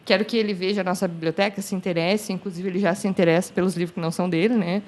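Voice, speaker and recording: A woman's voice: lowish voice, steady tone, racing, a little mellow. A woman, a mother chatting on a podcast, with hesitant fillers and easy laughter. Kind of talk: casual podcast chat.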